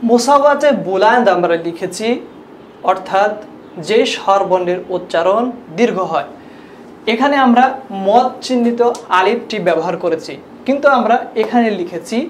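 A woman teaching a language lesson to viewers, explaining sounds patiently and repeating examples step by step. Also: medium pitch. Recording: echoey room with faint ambient noise.

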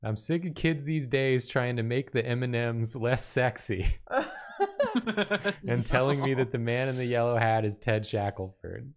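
A man's voice: mid-range voice, unhurried. A man bantering playfully on a drawing show, with theatrical delivery and frequent laughter. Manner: bouncy, theatrical, often breaks into laughter. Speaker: show regular.

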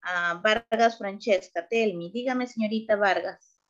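Woman, English teacher, online class, slow and patient, mixes English and Spanish, muffled call audio. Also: mid-range voice, fairly bright tone.

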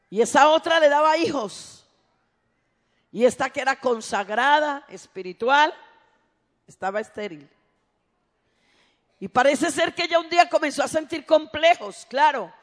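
A woman preaches a sermon in a very high voice, moving between intimate storytelling and loud, fervent calls to her congregation. Her words ring out with a long reverb, as in a large church hall. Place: church sanctuary.

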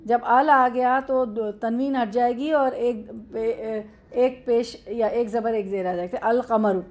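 A woman's voice: on the high side, steady tone, slow pace, a little mellow. A woman with an Urdu accent teaching a classroom grammar lesson, explaining step by step and answering her own questions.

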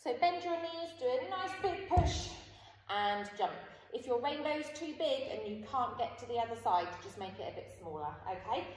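A woman's voice: a little high, lively intonation, moderate pace. A woman in her thirties instructing young children like an upbeat kids show host, encouraging and sing-song while demonstrating moves. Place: large indoor gymnastics hall. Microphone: far camera. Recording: very echoey hall from a distance, faint noise.

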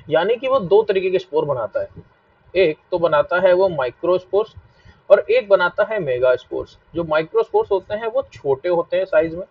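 A male biology teacher with a Hindi accent and a high voice runs a live online class, repeating key points, quizzing his students, and scolding them to stop fighting. The audio is dull lo-fi, somewhat distant, with no room sound.

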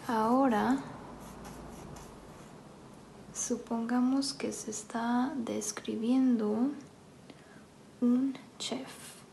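A woman teaching an English grammar lesson, saying each sentence first in Spanish and then in English, in a soft-spoken, careful way. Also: fairly high pitch, fairly even intonation, very slow, vocal fry, a little hiss or hum, low-quality recording.

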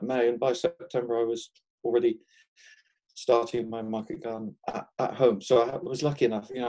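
A man in his sixties from England, a guest market gardener talking through his life in a relaxed interview, thoughtful and often chuckling, with frequent restarts. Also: mid-range voice.

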